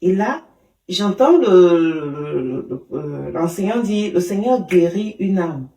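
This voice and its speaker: A woman giving an emotional personal testimony in an interview, halting, with many fillers and restarts. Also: fairly low pitch, lively intonation, warm tone. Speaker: interview guest. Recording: roomy sound from a distance.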